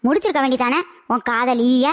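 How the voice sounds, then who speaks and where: A woman voicing a shrill nagging wife who scolds her husband nonstop, in a cartoon comedy. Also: brisk, a little hiss or hum, natural voice. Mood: scolding. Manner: sharp, scolding, bossy.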